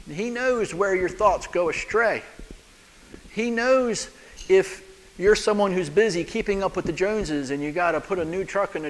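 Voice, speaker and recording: A man, a church elder, preaching a sermon in a conversational way, full of rhetorical questions and humor, in a church sanctuary. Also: fairly high pitch. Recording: long church reverb.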